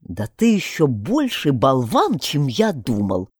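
Female reader doing a stern old male dog, slow scolding growl, storybook, dry close sound. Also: rumbling low, huge pitch swings, darkish tone, husky, no room sound, pitched below the performer's own voice, full character voice.

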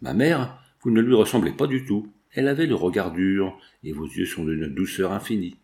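A man's voice: sits low, moderate pace, a little mellow. A man reading the part of a young boy who talks earnestly and directly.

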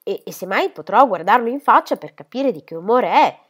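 Woman voicing a coquettish young lady, teasing and airy, lively swooping pitch, audiobook reading. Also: brisk, slightly rough.

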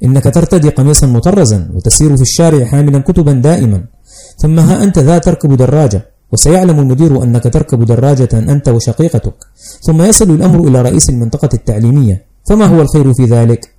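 A man's voice: mid-range voice, animated, quick pace, warm tone, close to an everyday voice. A man voicing a fussy, fearful older male schoolteacher who lectures anxiously and primly, in an audiobook reading. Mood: anxious warning.

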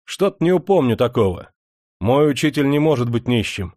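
A man's voice: mid-range voice, big pitch swings, normal speed, a little mellow, no room sound, studio quality, pitched above the performer's own voice, natural voice. A man doing a cold, arrogant factory lord. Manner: cold, commanding. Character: stern, arrogant wealthy factory owner, a man.

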